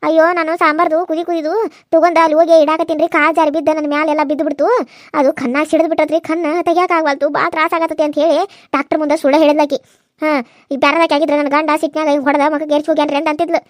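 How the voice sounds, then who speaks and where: A woman voicing a scolding middle-aged mother-in-law in a cartoon serial, with a North Karnataka Kannada accent and a sharp, rapid way of talking. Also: high-pitched, little pitch movement, no room sound, clean studio sound, lightly acted. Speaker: voice actor.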